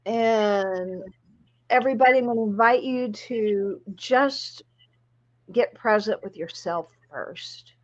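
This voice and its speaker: A woman spiritual guide leading a guided relaxation meditation in a soft, soothing, spa-like manner. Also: mid-range voice, muffled recording. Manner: soft, soothing, slow-paced spa-like delivery.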